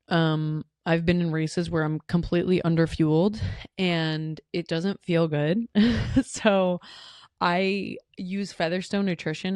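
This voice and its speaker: A woman's voice: deep voice, darkish tone, dry recording. A young woman hosting a solo podcast, answering listener questions in a chatty, rambling way with lots of fillers and restarts. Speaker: podcast host. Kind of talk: solo podcast Q&A, casual chat.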